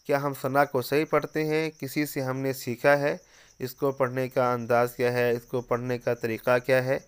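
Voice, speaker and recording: A man's voice: medium pitch, little pitch movement, clean tone. A man giving an earnest religious lesson on prayer, asking his listeners question after question. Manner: earnest, repeats rhetorical questions. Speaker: religious teacher.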